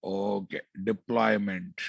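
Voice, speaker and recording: Telugu-accented man teaching, gravelly voice. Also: fairly low pitch, flat delivery, takes it slowly, no room sound. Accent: Telugu Indian. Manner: repetitive, checks understanding often with casual asides. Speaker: programming instructor. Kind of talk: informal technical lecture.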